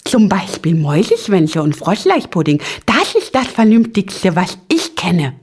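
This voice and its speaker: A woman's voice: very animated, unhurried, a little mellow, slightly rough. A woman reading a storybook and voicing a tiny, eager, very polite boy servant who chirps and pipes his words. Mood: puzzled. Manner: piping, bowing courtesy, high and eager.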